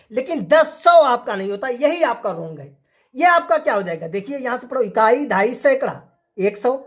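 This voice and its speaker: High-pitched woman teacher going over number place values, repeats herself a lot, keeps asking "got it?". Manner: repetitive, drilling, asks the class rhetorical questions. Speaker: maths teacher. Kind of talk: online maths lesson.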